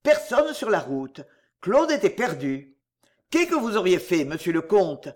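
A reader voicing a blunt rustic male gamekeeper with rough country speech in an audiobook. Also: sits high, very animated, unhurried. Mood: urgent. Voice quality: rural working-class speech. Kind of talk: audiobook character reading.

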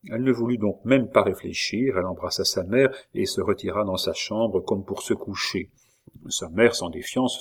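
A man reading a novel aloud as an audiobook narrator, with measured, dramatic delivery. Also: on the low side, slightly rough. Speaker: audiobook reader. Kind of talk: scripted narration.

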